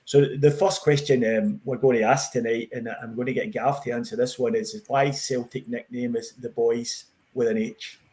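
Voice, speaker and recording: A man's voice: mid-range voice, steady tone, normal speed, hardly any pauses, dark tone. A man hosting a casual podcast over a video call, talking loosely with many fillers and restarts. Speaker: podcast host.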